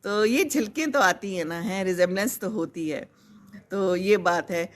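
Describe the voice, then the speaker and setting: A woman's voice: mid-range voice, unhurried. An older woman from Pakistan, hosting a live stream, chatting in a rambling, conversational way and reading out viewer comments. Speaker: host.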